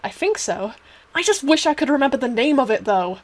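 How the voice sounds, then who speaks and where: A woman's voice: sits high, very animated, brisk, no room sound. A woman voicing a blunt, spirited teenage girl trainer in a cartoon game story. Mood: casual, curious. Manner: casual, outspoken.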